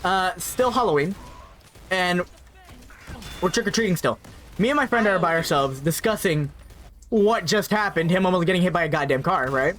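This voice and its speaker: High-voiced young man telling a story. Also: expressive, normal speed, long pauses, fairly bright tone, soft background music. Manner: rambling, repeats words, frequent "right?" asides. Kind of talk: casual spoken storytime.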